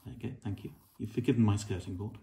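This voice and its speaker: Middle-aged man, low and mellow, casual drawing-session chat, warm encouragement. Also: fast talker, vocal fry, slight background noise. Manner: gentle, musing, encouraging. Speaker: artist and co-host.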